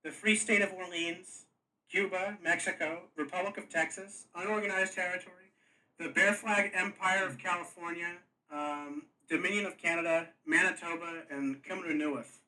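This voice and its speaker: Bright-voiced man as game master. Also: high voice, steady tone, distant mic, low-quality recording. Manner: rambling, halting with restarts. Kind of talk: casual tabletop lore talk.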